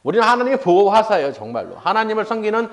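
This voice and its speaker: A man's voice: sits high, sing-song, rapid-fire. A male pastor giving a sermon. He tells the story with acted-out dialogue and asks the congregation questions.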